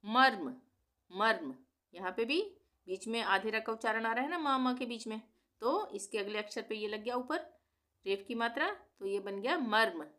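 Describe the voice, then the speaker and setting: A woman teaching Hindi pronunciation, saying each word slowly several times, then explaining it and asking questions she answers herself. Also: a little high, expressive, fairly bright tone. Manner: asks questions of the viewer and answers them herself. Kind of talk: slow pronunciation lesson.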